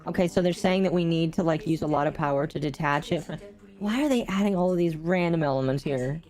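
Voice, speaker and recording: Woman game streamer, low voice, robotic voice changer, chatty amused commentary, faint music behind. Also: quick pace, a little mellow. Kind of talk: casual live-stream chat while gaming.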